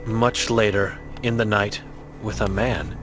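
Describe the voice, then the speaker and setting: A man's voice: on the low side, fairly even intonation, unhurried, a bit bright, faint music behind. A man voicing an old blind mute woman in a game, grim and guilt-ridden, speaking in terse, broken phrases.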